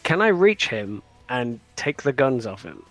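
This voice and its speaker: A man playing in a tabletop game session, laid-back and fond of jokes. His voice sits at an ordinary middle pitch. He talks through his character's actions in a loose, easygoing way. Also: sing-song, a little slow, fairly bright tone, faint music behind, rough recording. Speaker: player.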